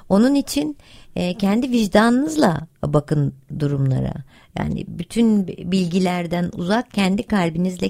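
A woman with a slightly low, gravelly voice and a warm, dark tone speaks earnestly to her listeners. She talks in a casual discussion style and presses her points with conviction. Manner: earnest, urging listeners to vote.

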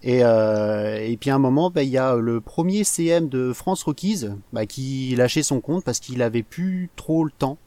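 A man in a relaxed podcast chat, telling his story with easy self-mockery. His voice sits at a middle pitch. The sound is dry and close, with no room around it. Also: normal speed, hardly any pauses, no room sound. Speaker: podcast guest, baseball community manager. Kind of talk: casual chat.

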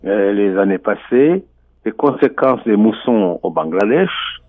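A man commenting on finance and economics over a telephone line on a radio show, speaking in a measured, deliberate way with frequent hesitations. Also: fairly low pitch, lively intonation, no room sound. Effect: voice heard over a telephone line. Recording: muffled phone line, dry.

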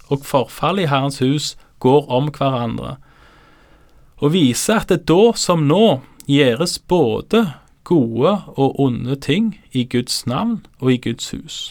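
A man acting as a Bible teacher, giving calm, explanatory commentary on scripture. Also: mid-range voice, no room sound, studio quality.

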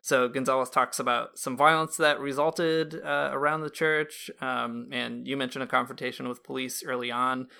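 A male podcast host talks in a bright, forward voice with a noticeable fry. His pitch is average, and he sounds reflective and tentative in a casual, intellectual interview style. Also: fairly even intonation, moderate pace, hardly any pauses.

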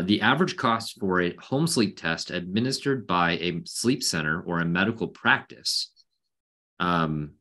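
A man hosting a webinar as a coach, talking informally with many fillers over a video call. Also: pushed and bright. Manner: informal, filler-heavy pitch. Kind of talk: casual webinar talk.

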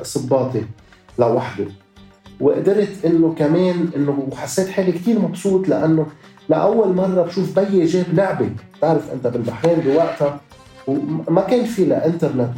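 A man's voice: on the high side, mellow. A man with a Lebanese accent telling his own story in an interview, slipping English words into his speech. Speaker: interview guest, activist. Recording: roomy echo.

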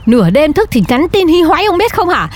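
A woman's voice: very high-pitched, sing-song, brisk. A woman playing an exasperated middle-aged mother who scolds her teenage daughter in a comedy sketch.

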